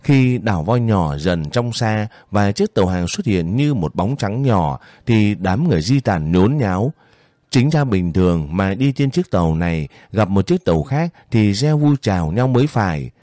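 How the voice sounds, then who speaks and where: A man narrating a war novel as an audiobook, in steady, measured storytelling. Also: fairly low pitch, no room sound, clean studio sound.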